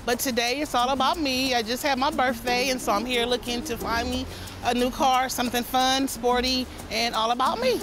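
A woman's voice: high voice, steady tone, moderate pace, poor audio. A middle-aged mother shopping for a birthday car on an outdoor lot. She is blunt and skeptical, pressing for numbers.

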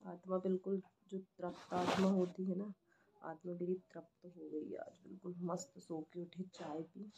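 Cheerful woman vlogger, thirties, lowish voice, noisy phone recording. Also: flat delivery, normal speed, creaky, dark tone. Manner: chatty and cheerful, addressing viewers. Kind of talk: casual daily vlog chat.

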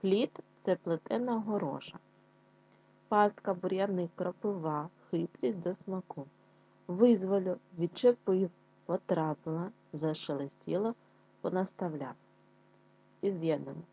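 A woman teacher giving a reading lesson, pronouncing words slowly and clearly, then reading a fairy tale aloud. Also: lowish voice, darkish tone, lo-fi sound. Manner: slow, careful enunciation of words. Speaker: primary school teacher.

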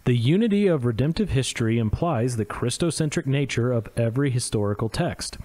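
A man's voice: mid-range voice, lively intonation, fairly quick, dark tone. Midwestern man reading theology quotes. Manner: reads quotations aloud with small asides. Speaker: podcast co-host. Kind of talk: theology discussion podcast.

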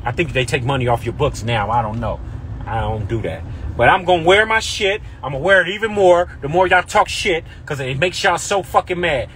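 A man's voice: a little high, expressive, brisk, a bit bright, a little hiss or hum. Defiant, fiery-voiced Californian man ranting. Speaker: vlogger. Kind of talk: heated live-stream rant. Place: inside a car on a freeway.

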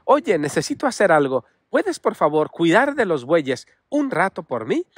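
A man voicing a menacing young man who speaks in a flat, insistent way, first coaxing and then threatening. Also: fairly high pitch, moderate pace, breathy edge, no room sound, studio quality.

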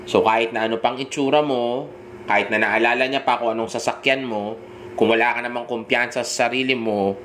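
A man with a Filipino accent giving dating advice in a direct coaching monologue, often pausing to check in with the listener. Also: medium pitch, fairly even intonation, fairly bright tone, a little hiss or hum. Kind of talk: instructional monologue.

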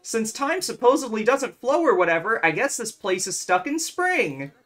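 Lively playful woman gamer. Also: fairly high pitch, normal speed. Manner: playful, jokey, reads game text in lively bursts. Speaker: let's play co-host. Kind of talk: casual gameplay chat, reading game dialogue aloud.

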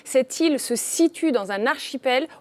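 A woman dietitian, a guest on a TV show, explaining in a lively, playful way. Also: sits high, moderate pace, no room sound. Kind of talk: explaining on live TV. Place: TV studio.

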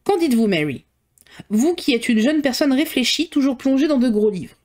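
A woman reading a novel aloud, voicing a dry, teasing middle-aged father who speaks in a slow, ironic, mocking way. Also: high-pitched, expressive, darkish tone, pitched above the performer's own voice. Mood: wry.

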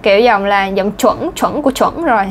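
A woman with a Southern Vietnamese accent speaks at a normal pace in a mid-range voice, with slight background noise. She's an English pronunciation teacher giving a casual, chatty lesson, full of fillers and little laughs.

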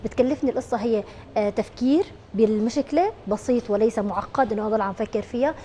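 A woman with a Syrian Arabic accent speaks as a studio guest, explaining in a rapid stream with frequent restarts. Her voice sits a little high but sounds mellow and dark. A faint hum of room ambience stays behind her. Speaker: educational psychologist guest. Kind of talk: TV morning show interview.

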